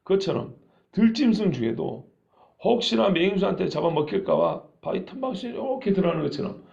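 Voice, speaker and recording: A male pastor preaches with lively energy and keeps putting questions to his congregation. His voice is fairly high with a strong gravelly edge. The recording has a dull, lo-fi sound. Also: fairly quick. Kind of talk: sermon.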